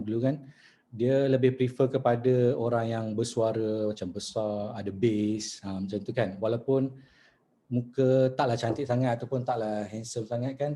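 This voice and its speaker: A man with a Malaysian accent teaching news presentation in an online masterclass, chatty and relaxed, mixing in English words and reading sample news lines. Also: medium pitch, a little hiss or hum.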